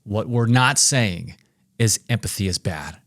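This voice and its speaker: Man, 40s, emphatic podcast co-host; low voice, dry close recording. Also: lively intonation, a little slow, a bit bright, no echo. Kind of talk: faith-based leadership discussion.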